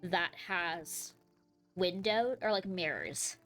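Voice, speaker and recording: Woman GM, lowish voice, meandering scene descriptions, frequent ums. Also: fairly bright tone, soft background music. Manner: rambling, full of "like" and "um", unhurried. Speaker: game master. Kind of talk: narrating a tabletop game.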